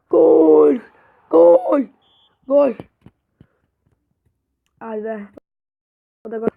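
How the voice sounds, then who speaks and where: A young woman giving excited, trash-talking commentary over her own gameplay. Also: a little high, narrow, tinny audio. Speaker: gaming YouTuber.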